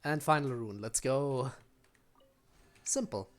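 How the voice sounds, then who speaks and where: A man with a medium-pitched voice speaks slowly while streaming a video game. He gives casual live commentary, thinking aloud as he plays.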